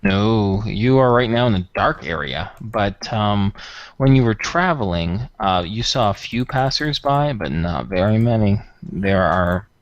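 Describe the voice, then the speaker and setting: A man's voice: lowish voice, lively intonation, a little slow, dry recording, lo-fi sound. A man narrating a tabletop role-playing game as game master in a conversational, improvised way.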